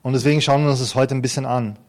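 A man's voice: mid-range voice, fairly even intonation, racing, darkish tone. A man in his fifties preaching an earnest, conversational sermon to a congregation, with touches of light humor. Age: 50s. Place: church hall before a congregation.

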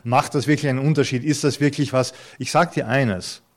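A man's voice: mid-range voice, steady tone, brisk. A man in his fifties preaching an earnest, conversational sermon to a congregation, with touches of light humor. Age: 50s. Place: church hall before a congregation.

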